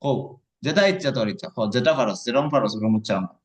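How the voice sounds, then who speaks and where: A man's voice: medium pitch, animated, fast. A man teaching an online lesson, patiently coaxing his student and breaking words into syllables.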